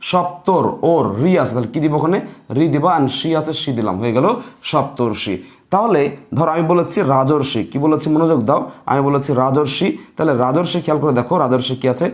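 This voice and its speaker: A man's voice: on the high side, quick pace. A man teaching an online grammar lesson, repeating each point and quizzing his students.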